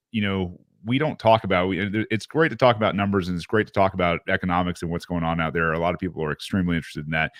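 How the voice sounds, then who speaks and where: A man's voice: deep voice, no room sound, studio quality. A man hosting a podcast, asking long, meandering questions full of fillers. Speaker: podcast host. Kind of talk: podcast interview.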